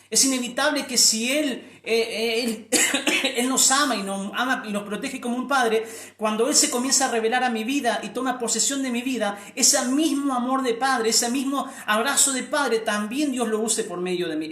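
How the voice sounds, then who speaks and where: A man's voice: extremely high pitch, a bit bright, reverberant. A middle-aged man preaching a sermon, earnest, often repeating words and restarting before lifting his voice on key phrases.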